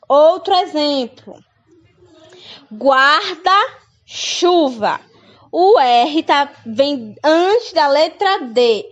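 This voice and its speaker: A woman's voice: sits high, highs cut off. A woman teacher giving a children's phonics lesson, patiently repeating example words and asking her pupils questions. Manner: asks pupils questions, calls them dear.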